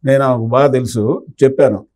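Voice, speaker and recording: A man's voice: medium pitch, steady tone, fairly quick, darkish tone. An older man telling a long story in an interview and acting out the words of the people in it. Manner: anecdotal, acts out quoted dialogue. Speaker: retired police officer recounting memories.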